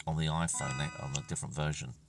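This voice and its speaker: His pitch is extremely low and barely moves, and he talks fast while narrating his own game. Much of it is muttered to himself, often sinking to near-whispers. A distant mic catches him over playing music.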